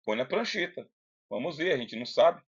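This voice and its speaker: A man's voice: fairly high pitch, very animated, moderate pace, breathy edge. Brazilian man lecturing informally, slightly dull audio. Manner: didactic, conversational, asks the listener rhetorical questions. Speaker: philosophy lecturer. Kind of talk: informal recorded lecture with read-aloud passages. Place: closed room indoors. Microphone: close Bluetooth microphone.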